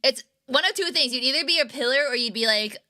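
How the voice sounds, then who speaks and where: In a casual stream with her viewers, a young woman rambles and giggles, leaning on fillers throughout. She talks fast in a high, sharp voice with lively intonation.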